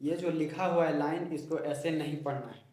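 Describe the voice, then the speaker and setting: A man teaching a poetry lesson in a casual, chatty way, slowly reciting verses and explaining them line by line. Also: on the high side, darkish tone. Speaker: coaching teacher. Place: home room, dog barking outside. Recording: echoey room.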